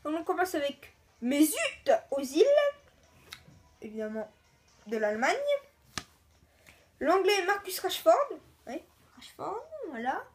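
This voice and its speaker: High-voiced woman chatting through a card unboxing. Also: big pitch swings. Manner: halting, chatty, lists names one by one. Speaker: video host. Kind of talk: casual card-unboxing commentary.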